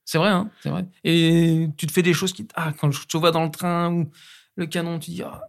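A man's voice: fairly high pitch, flat delivery, moderate pace, creaky. A man interviewing an actor in a casual chat, teasing him with jokey questions.

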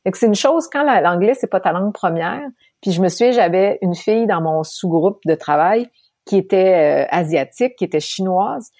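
A woman from Quebec with a Québécois accent, telling her story as an interview guest, animated and laughing often. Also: mid-range voice, normal speed, no echo, studio quality. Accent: Québécois French. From Quebec, Canada.

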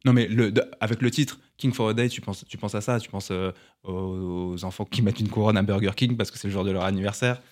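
Low-voiced rambling male storyteller. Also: steady tone, quick pace, darkish tone. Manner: mock-grandiose, rambling storyteller. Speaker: podcast co-host. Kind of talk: casual banter.

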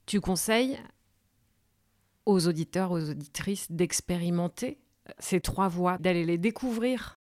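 A woman host puts brief, clear questions to her guest. The sound is dry and close, with a lowish voice for a woman. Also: a little slow, pauses often, darkish tone, dry recording. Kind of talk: interviewing a guest.

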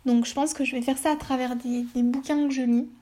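This podcast host chats on her own in a casual, hesitant ramble full of fillers and false starts. Her high-pitched, dark-toned voice moves fairly quickly with fairly even intonation.

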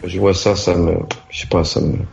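Male host, lowish voice, earnest, hesitant, thinking aloud, soft music behind. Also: fairly even intonation, moderate pace, gravelly, lo-fi sound. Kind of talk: casual live discussion.

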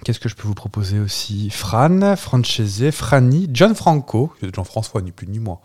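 A man's voice: lowish voice, big pitch swings, unhurried, darkish tone. A man co-hosting a casual home podcast, playful and teasing, laughing often as he quizzes his co-host. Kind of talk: casual chat.

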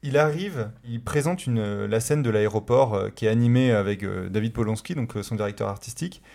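A man hosting a casual film discussion on the radio, relaxed and hesitant with many fillers. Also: lowish voice, a little fast, creaky. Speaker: radio show host.

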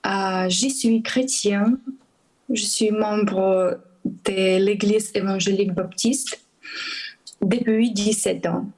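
A Ukrainian-accented woman in her thirties giving a hesitant church testimony with prayer requests, pausing often to search for words. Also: mid-range voice, steady tone, a little mellow, low-quality recording. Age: 30s. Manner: hesitant, many fillers and restarts. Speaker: church guest speaker.

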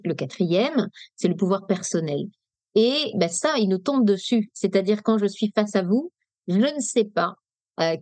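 A woman from Nice talks through negotiation tactics in a webinar, direct and lively as she explains. Her voice sits in a mid range for a woman. The recording is dry, with almost no room sound. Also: medium pitch, dry recording. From Nice, France. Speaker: negotiation coach. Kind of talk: webinar talk.

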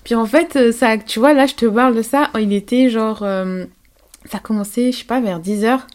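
Young woman telling a story, higher voice. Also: moderate pace. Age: young adult. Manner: animated, candid, laughs often, slangy. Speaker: podcast guest. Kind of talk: casual personal storytelling.

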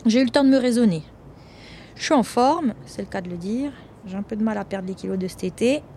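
Animated and fairly quick, this young woman's medium-pitched, warm voice carries a personal story told in a chatty way. She frequently says "hein" and speaks right to her audience, over a faint hiss or hum.

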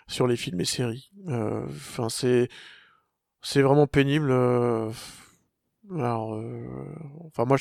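A man's voice: medium pitch, vocal fry, darkish tone, no echo, studio quality. A young adult man co-hosting a casual tech chat, rambling with many restarts and fillers. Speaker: podcast co-host.

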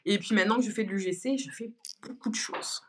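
A woman's voice: medium pitch, fast talker, slight background noise. A young woman talking as a guest on a podcast, chatty and easygoing, full of fillers and restarts. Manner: chatty, many fillers and restarts, laughs easily. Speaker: guest, content creator. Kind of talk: casual podcast conversation.

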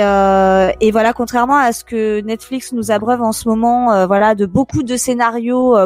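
A woman chatting casually on a show, lively and quick to laugh. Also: a little high, no room sound. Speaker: guest on a show. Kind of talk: casual radio show chat.

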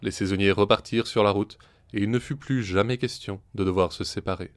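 A man narrating folk tales in a measured storytelling manner, sometimes slipping into his characters' voices. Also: fairly low pitch, fairly even intonation.

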